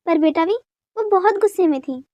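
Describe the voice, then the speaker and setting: A woman playing a fretful middle-aged mother who keeps asking what went wrong, in a very high, quick voice. The recording is dry and close. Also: animated, mellow, no echo. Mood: worried. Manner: concerned questioning.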